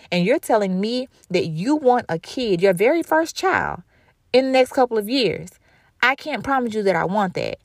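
A woman's voice: mid-range voice, no room sound, studio quality. A woman in her thirties hosting her own talk show, speaking candidly and emphatically, often repeating phrases for stress. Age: 30s. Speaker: show host. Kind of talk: casual monologue.

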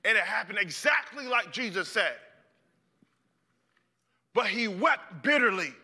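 A man's voice: high voice, very animated, a little slow, sharp tone, breathy edge, big-room sound. A male preacher giving a dramatic, impassioned sermon and acting out the story.

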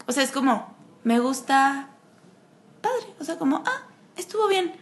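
A woman's voice: high voice, big pitch swings, unhurried. Mexican woman telling candid stories. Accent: Mexican Spanish. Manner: candid storyteller, acts out quotes. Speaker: podcast co-host. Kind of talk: casual chat.

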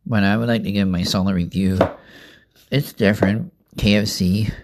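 A man's voice: on the low side, steady tone, normal speed, background noise. A young man rambling casually through a food review vlog, chatting and eating as he talks. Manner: rambling, chatty, eats while talking. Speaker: vlogger.

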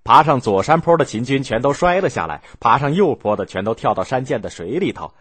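A man telling a history story in a lively, expressive way, acting out the scenes. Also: medium pitch, brisk, husky, dry recording.

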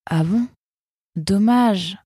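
A woman voicing an excitable young male fox, eager and exclaiming, with hesitant fillers now and then. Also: mid-range voice, very slow, slightly rough, no echo, studio quality, pitched above the performer's own voice.

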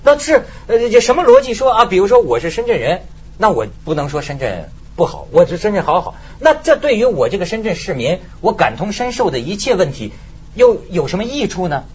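A man's voice: sits high, very animated, a little fast, breathy edge. A man hosting a talk show in casual chat, telling stories animatedly and laughing often. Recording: slightly muffled broadcast audio.

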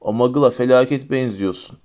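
A man reading an audiobook, voicing a drunken, filthy, hostile wizard with a low, slurred snarl. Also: moderate pace, a little mellow, natural voice. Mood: muttering. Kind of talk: audiobook character voice.

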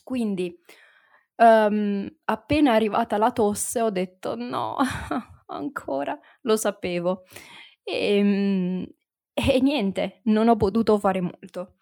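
Slow, slightly hoarse woman teaching. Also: mid-range voice, dark tone, no room sound, clean studio sound. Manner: slow and deliberate, repeats and conjugates words for learners. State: voice still slightly hoarse after flu. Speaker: language teacher and podcast host. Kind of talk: spoken language lesson.

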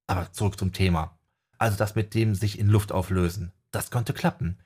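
A man narrating a fantasy audiobook in a calm, measured reading style. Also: on the low side, breathy edge.

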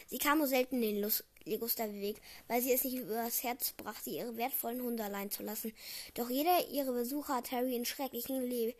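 Young girl reading a book out loud, kinda high, keeps tripping on words. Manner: stumbling, self-correcting reading. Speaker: reader. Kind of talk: reading a novel aloud.

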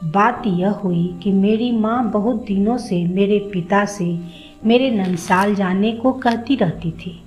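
A woman's voice: medium pitch, takes it slowly, darkish tone, faint music behind, lightly acted, low-quality recording. A woman voicing a boastful one-legged former soldier who brags about his bravery. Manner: bragging, storytelling.

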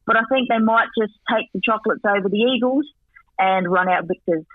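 A man giving a chatty football match recap and tips as a radio guest, rattling off stats with quick asides. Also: sits high, no echo. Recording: tinny dry phone line.

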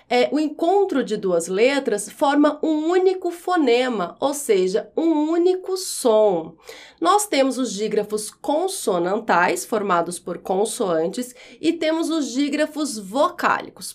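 Woman teacher going over grammar, high voice, spells out example words nice and slow. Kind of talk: explaining a grammar lesson.

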